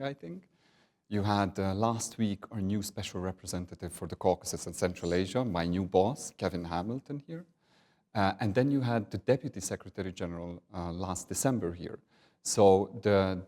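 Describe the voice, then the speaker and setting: Guy, deep voice, slow diplomatic answers w lots of uhs. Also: darkish tone. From Hungary. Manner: measured, diplomatic, with frequent filler pauses. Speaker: NATO partnerships director, guest. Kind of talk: interview answers.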